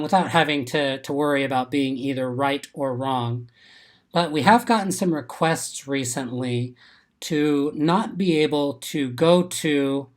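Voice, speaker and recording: Getting over an illness and a little congested, a man hosts a live exam-prep webinar, reading questions and answers from the chat in an upbeat, encouraging way. His voice is mid-range.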